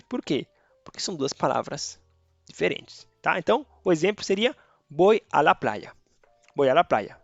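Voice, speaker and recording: Recorded dry and lo-fi, a man with a fairly high pitch teaches Spanish grammar online in a relaxed lesson. Spanish is his native language, and he chats freely, often checking in with viewers using "tá" and "beleza."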